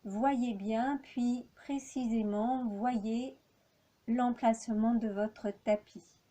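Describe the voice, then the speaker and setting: Her voice a little high, a woman instructor leads a guided yoga relaxation in calm, measured phrasing, leaving long pauses between lines.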